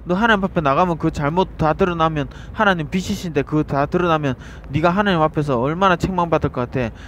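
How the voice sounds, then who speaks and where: A man's voice: on the high side, fast talker, a bit bright, slight background noise, natural voice. A man voicing a taunting male devil who needles the listener with mocking questions, in a sermon. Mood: accusing.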